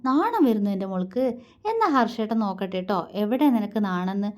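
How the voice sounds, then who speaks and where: A fond young husband teases and coaxes his wife, his tone playful and loving, as a woman storyteller voices him. The delivery stays close and gentle. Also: mid-range voice, very animated, brisk, natural voice. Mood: teasing. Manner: playful, coaxing. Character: affectionate teasing young husband.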